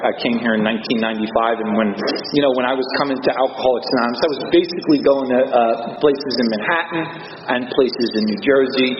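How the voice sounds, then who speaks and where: A man gives a frank, meandering testimony at a group meeting, stumbling over words and laughing between lines. His pitch sits in the middle for a man but jumps up when he gets worked up. The sound is lo-fi and muffled, with a long hall echo and steady room noise behind him. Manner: candid, rambling, stammers and laughs often. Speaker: speaker sharing his recovery story. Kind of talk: personal testimony talk at a meeting. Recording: roomy hall, dull lo-fi sound, noisy.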